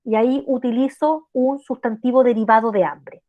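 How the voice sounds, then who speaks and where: A woman's voice: on the high side, steady tone, normal speed, narrow, tinny audio. A woman with a Chilean accent teaching an online language class, explaining step by step and often checking in with the students. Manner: explanatory, checks in with rhetorical questions.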